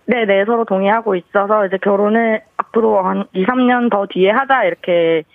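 A woman's voice: mid-range voice, normal speed, dry recording. A woman in her thirties calling in to a radio show, answering shyly with many hesitations. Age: 30s. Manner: hesitant, shy, laughing softly. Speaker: caller. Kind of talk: phone call-in chat. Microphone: phone. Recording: tinny phone line.

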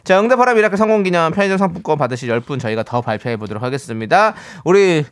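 A man hosting a radio talk show, brisk and chatty, reading out listener messages in a studio. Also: a little high, animated, smooth, no room sound. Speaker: radio host.

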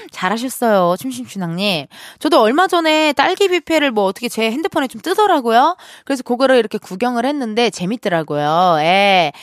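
A bubbly woman radio DJ chats and reads listener stories into a studio microphone. Her fairly high voice swoops up and down as she talks. The sound is close and dry, with no room around it. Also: no room sound. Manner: bubbly, playful, quick shifts of tone. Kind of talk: radio show talk, reading listener stories.

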